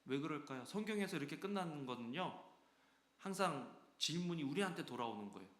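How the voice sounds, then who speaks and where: A man preaching a sermon as pastor, lively and acting out quoted voices with sudden swings between loud and soft. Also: fairly high pitch, fairly quick. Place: church sanctuary. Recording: echoey church hall.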